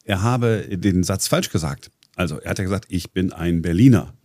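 A man's voice: sits low, moderate pace, a little mellow, no echo, studio quality. A man presenting on a talk show in casual chat, explaining at length with many hesitations and restarts. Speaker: radio presenter.

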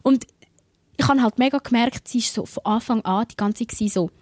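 A woman with a Swiss German accent, co-hosting a podcast and telling a story in casual chat, animated and full of filler words and English slang. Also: a little high, moderate pace, dry recording, clean studio sound. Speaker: podcast co-host.

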